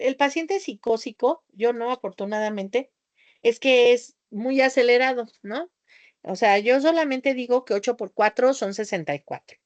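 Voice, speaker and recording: Loud, theatrical woman teaching. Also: no echo, muffled recording. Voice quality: high-pitched voice, calls it a squeaky off-key whistle. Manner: theatrical, shifts her tone, talks loudly; scattered, jumps between topics with tangents. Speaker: homeopathy teacher. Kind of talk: lecture to a class.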